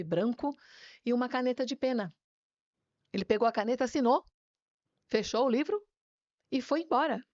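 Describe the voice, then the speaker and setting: As a guest, a woman pastor gives a lively account of her personal faith testimony, habitually closing phrases with tag questions. Her voice is mid-range, captured in a dry, muffled recording.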